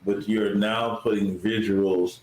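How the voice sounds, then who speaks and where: Enthusiastic low-voiced man, echoey room. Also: fairly even intonation, slow pace, darkish tone. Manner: enthusiastic, repeats phrases, playful. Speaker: podcast co-host. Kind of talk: casual review chat. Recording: echoey room with faint hiss.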